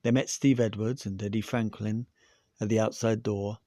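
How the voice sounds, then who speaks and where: A man's voice: lowish voice, fairly even intonation, moderate pace, mellow, dry recording. Man reading a story, dry close sound. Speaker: podcast host and narrator. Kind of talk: reading a science fiction story aloud.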